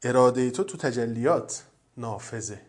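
A man giving a religious lecture, telling stories and often dropping to a soft, low voice. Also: lively intonation. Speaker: cleric.

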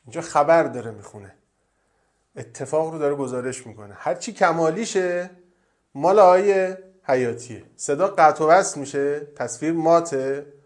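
Man, cleric, religious lecture, slightly high voice, soft low asides. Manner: storytelling, often drops to a soft, low voice.

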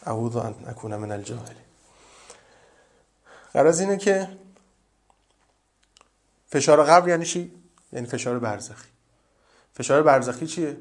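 A man who is a cleric, giving a religious sermon, quoting Arabic scripture and growing loud and high as he retells traditions. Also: expressive, long pauses.

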